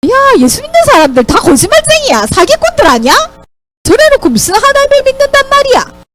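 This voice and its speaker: A woman's voice: extremely high pitch, wildly swooping pitch, fast talker, fairly bright tone, pitched above the performer's own voice, exaggerated voice. A woman voicing a mocker who jeers at churchgoers in a sneering, teasing way. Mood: jeering.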